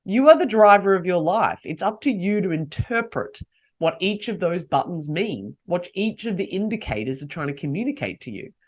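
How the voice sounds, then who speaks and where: A woman's voice: lowish voice, expressive, normal speed. A woman hosting a solo podcast, coaching her listeners and asking them rhetorical questions. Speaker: podcast host.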